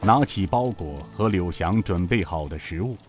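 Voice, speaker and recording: A man narrating a serialized novel as an expressive, measured storyteller. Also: sits low.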